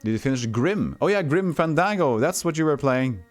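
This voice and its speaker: Streaming a retro game, this man from Texas, who has no regional accent, reads on-screen text aloud and responds to his chat in easygoing commentary. He speaks at normal speed in a slightly high voice with lively intonation, and faint music plays behind him.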